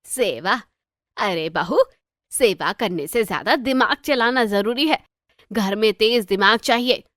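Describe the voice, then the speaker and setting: A woman's voice: medium pitch, lively intonation, a little slow, fairly bright tone, no room sound, studio quality. A woman voicing a scolding cartoon mother-in-law. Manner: scolding, taunting. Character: sharp-tongued middle-aged mother-in-law, scolding. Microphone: dry close voice-over.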